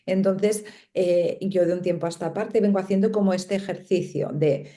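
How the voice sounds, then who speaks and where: A middle-aged woman with a Spain Spanish accent speaks as a panel guest in casual conversation. Her voice sits a little low and sounds mellow and soft. She talks in a thoughtful, musing way, checking in with her listeners as she goes. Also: fairly even intonation, normal speed. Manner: reflective, lots of tag questions and small laughs.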